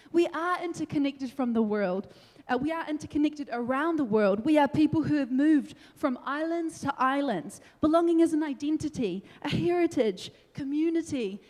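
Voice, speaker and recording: A young woman from New Zealand giving an energetic, animated debate speech, laughing between points. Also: high-pitched. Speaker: debate speaker. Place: large council meeting hall. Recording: long hall reverb.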